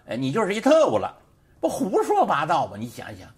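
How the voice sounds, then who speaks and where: A man's voice: on the high side, huge pitch swings, quick pace. A man who hosts a show and teaches sociology, giving an emphatic, repetitive political commentary full of rhetorical questions in a studio. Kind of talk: casual political commentary monologue.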